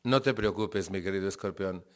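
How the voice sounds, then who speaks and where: A man's voice: low-pitched, normal speed, close to an everyday voice. A man imitating a female TV astrologer who speaks in a sugary, soothing way, quoted inside a spoken testimony. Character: TV horoscope woman, sweet and soothing.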